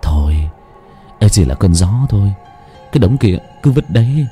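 A man's voice: lowish voice, big pitch swings, normal speed, dark tone. A cowardly young villager stutters and begs, his voice leaping up and down in panic, as a man acts him out. He speaks over faint music. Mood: uneasy. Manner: stammering, begging.

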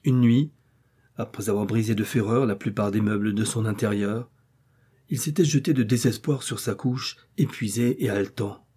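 A man reading an old moral tale aloud as a measured, literary narrator. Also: fairly low pitch, mellow, breathy edge. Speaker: audiobook narrator. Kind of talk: scripted narration.

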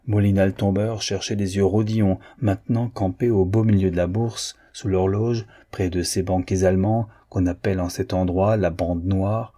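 Male audiobook narrator: dark, mellow low voice with a husky edge, measured reading. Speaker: audiobook reader.

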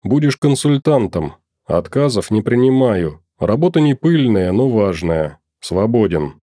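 A man doing a gruff, stern security chief. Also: lowish voice, sing-song, a little slow, dark tone, no room sound, clean studio sound. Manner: curt, commanding.

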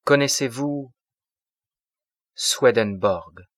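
A man's voice: mid-range voice, very slow, fairly bright tone, no echo, clean studio sound, voice pushed up. A man reading the lines of a kindly, naive old pastor in a storybook reading. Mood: explaining. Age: older.

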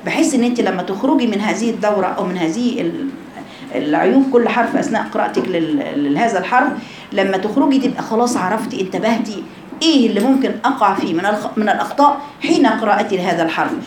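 A woman's voice: mid-range voice, expressive, echoey room, a little hiss or hum. A woman with an Egyptian accent teaching her female students how to pronounce throat letters, asking questions and chanting examples. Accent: Egyptian Arabic. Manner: explains with questions, demonstrates sounds by drawn-out chanting. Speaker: Quran recitation teacher. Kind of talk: informal tajweed lesson to female students.

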